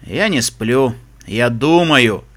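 A man's voice: fairly high pitch, lively intonation, normal speed, pushed and bright. A man reading an audiobook, voicing a drowsy, ironic stallion who works as a spy. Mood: sleepy. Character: lazy teasing stallion spy.

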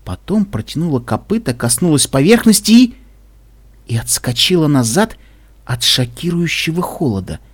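A man's voice: a little high, normal speed, slightly rough. A man reading a first-person story aloud expressively, voicing each character himself. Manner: expressive, voices every character. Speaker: audiobook reader.

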